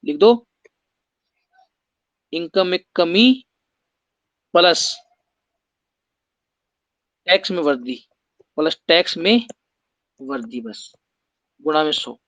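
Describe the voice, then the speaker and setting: A man's voice: fairly high pitch, expressive, takes it slowly, pauses often, a bit bright, no room sound, highs cut off. A man teaching an exam-prep maths lesson, explaining step by step and putting rhetorical questions to his students.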